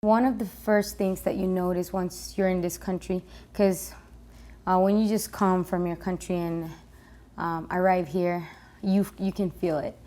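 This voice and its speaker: A young woman, an international student, speaking in an interview with hesitant pauses and restarts. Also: on the low side, little pitch movement, mellow. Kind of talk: interview testimony.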